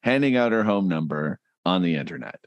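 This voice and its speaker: A man co-hosting a comedy podcast, trading dry jokes and quick banter in casual chat. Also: low voice, animated, no echo, muffled recording. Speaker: podcast co-host.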